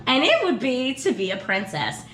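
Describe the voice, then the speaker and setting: Lively-voiced woman in casual chat. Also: sits high, moderate pace. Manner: chatty, thinks aloud with many ums. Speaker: channel co-host answering questions. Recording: echoey room with faint noise.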